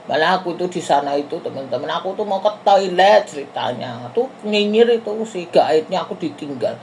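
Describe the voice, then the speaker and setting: A woman's voice: lowish voice, expressive, brisk, a little mellow, slight background noise. Middle-aged lady from indonesia rambling on about her trips, chatty, keeps talking to her viewers like friends. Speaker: vlogger. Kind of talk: casual storytelling to viewers.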